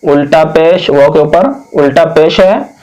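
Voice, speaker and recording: A man from India teaching Quran reading, spelling out each word slowly and patiently, drawing out long vowels. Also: fairly high pitch, dark tone, dull audio. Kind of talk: slow spelled-out recitation lesson.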